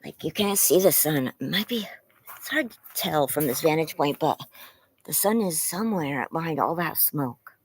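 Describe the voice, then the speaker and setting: Out in a yard, a livestreamer chats casually through a face mask, sounding muffled, anxious, and apologetic, with a strained, tired throat. The mid-range voice is animated and rambling at a normal speed, over a little hiss or hum.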